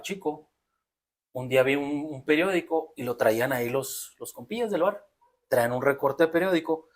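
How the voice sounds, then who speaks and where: A man with a Mexican accent talking reflectively in a casual podcast conversation, explaining at length. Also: a little high. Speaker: podcast co-host.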